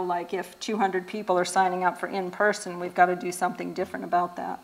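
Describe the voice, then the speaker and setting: A woman talks at an ordinary middle pitch to a church group. Her delivery is casual and conversational, with frequent fillers and restarts. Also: poor audio. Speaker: speaker at a church event.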